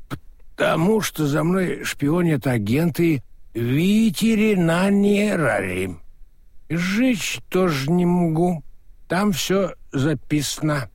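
A man's voice: fairly high pitch, no room sound, studio quality, pitched above the performer's own voice, heavily acted. A man voicing a drunk, sentimental small-time male swindler with slurred, hiccuping speech.

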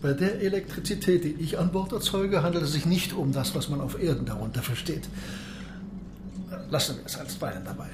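Man acting a haughty bitter sub captain, radio drama, highish male voice, formal, echoey and noisy. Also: a little fast, natural voice. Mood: confident, explaining. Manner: formal, grandly declaiming. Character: proud, embittered male submarine captain, world-weary and commanding. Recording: echoey room, background noise.

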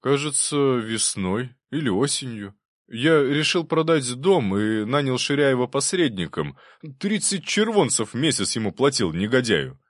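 A man voicing a flustered, excitable middle-aged prince, lifting his voice higher and drawing out bewildered phrases. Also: a little slow, no echo, clean studio sound.

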